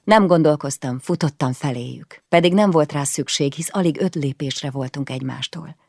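A woman's voice: low voice, creaky, darkish tone, dry recording, clean studio sound. A woman reading a first-person novel aloud in an intimate way, often dropping to a whisper. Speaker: audiobook reader.

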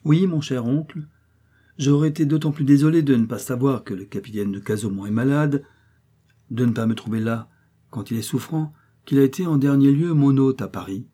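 A man's voice: medium pitch, moderate pace, mellow, slightly rough, voice pushed up, close to an everyday voice. A man doing a suave young count, polished and ironic. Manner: polished, courteous, slightly ironic. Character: suave young male count, smooth talker.

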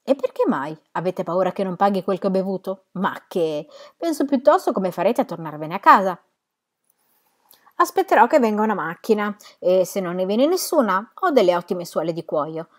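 A woman's voice: mid-range voice, big pitch swings, moderate pace. A woman voicing a charming, easygoing young man who teases playfully, read from a novel. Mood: teasing.

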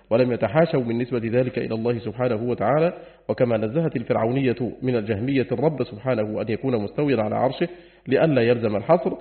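A man reading a classical book aloud as an audiobook reader, in a steady, formal reading voice. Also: mid-range voice. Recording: tinny phone-like lo-fi sound.

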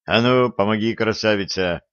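A man doing a gruff warrior priest. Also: lowish voice, normal speed, a bit bright, dry recording, lo-fi sound, lightly acted. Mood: urgent.

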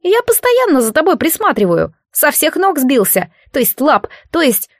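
A mischievous little god in a boy's shape, put on by a woman reader, raising the voice high above her own and talking in a petulant, teasing rush. It sounds knowing and older than its size. The recording is close and completely dry. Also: wildly swooping pitch, no echo, exaggerated voice. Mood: indignant. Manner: petulant, teasing, quick, grown-up under a child's voice. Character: cheeky shape-shifting child god, boyish, grumpy. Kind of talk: audiobook character voice.

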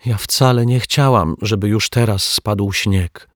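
A man's voice: slow pace, no echo, studio quality. A man voicing a tearful, anxious little girl who explains herself in a pleading, rising voice. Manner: pleading, rising childlike pitch.

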